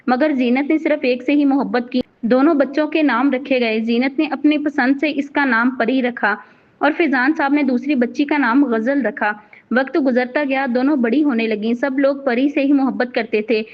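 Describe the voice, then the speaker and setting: A woman narrating a novel in a steady, even storytelling voice. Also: sits high. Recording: dull lo-fi recording.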